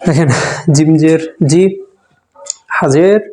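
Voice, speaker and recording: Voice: medium pitch, slow pace, mellow. A Quran reading teacher giving a step-by-step recitation lesson, patiently repeating each letter sound aloud.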